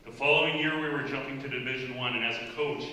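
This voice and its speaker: A man's voice: mid-range voice, steady tone, fast, bright, forceful tone. Golf coach guy giving a speech, kinda choked up, long hall reverb. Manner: heartfelt, near tears at times. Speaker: high school golf coach. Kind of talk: ceremony speech. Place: school hall. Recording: echoey hall, voice from far off, faint noise.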